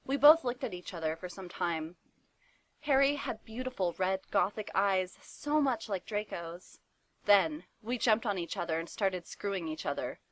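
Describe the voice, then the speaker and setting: A woman giving a dramatic reading of fanfiction with a deadpan, mock-dramatic delivery. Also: mid-range voice, normal speed. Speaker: reader.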